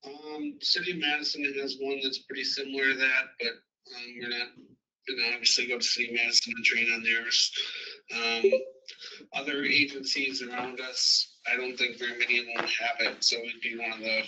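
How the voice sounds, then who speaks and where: Fire chief man on a speakerphone, sharp-toned. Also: medium pitch. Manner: halting, with frequent ums and restarts. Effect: heard over a phone on speakerphone. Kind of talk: reporting to a committee meeting. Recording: distant speakerphone sound in a meeting room.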